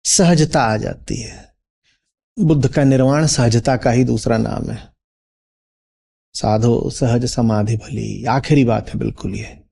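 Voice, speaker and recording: A man's voice: mid-range voice, unhurried, vocal fry, dark tone, husky. A man teaching as a spiritual teacher in a discourse, posing rhetorical questions and checking in with his listeners.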